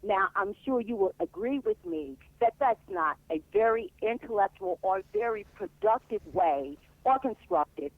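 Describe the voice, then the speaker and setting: A man calling in to a radio talk show, speaking haltingly with many fillers. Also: sits high, sing-song, gravelly, no room sound. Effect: phone line. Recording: tinny phone line.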